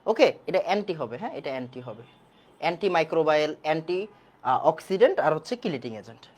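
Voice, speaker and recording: A woman's voice: sits low, very animated, fast, a little mellow. Woman, online chemistry lecturer who repeats and quizzes. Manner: repeats key points and quizzes the class. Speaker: chemistry teacher.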